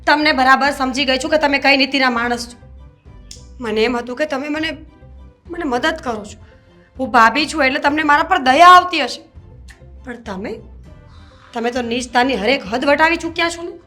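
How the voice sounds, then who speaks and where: A woman's voice: high-pitched, moderate pace, pauses often, pushed and bright, faint music behind. An actress playing a young married woman who firmly and indignantly pushes away her brother-in-law. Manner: firm, indignant. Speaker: actor in a web drama.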